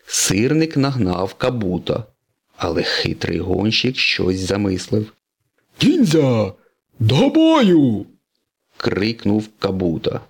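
A man's voice: on the low side, creaky. A man reading a children's storybook aloud, narrating expressively.

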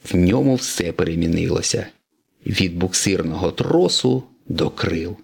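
Gravelly lively storybook narrator, man. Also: sits low. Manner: expressive, lively reading. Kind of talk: storybook reading.

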